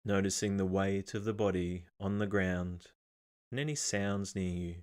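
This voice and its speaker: Narrating as the meditation guide, a man speaks in a low voice. His manner is calm and measured, instructional, and broken up by pauses.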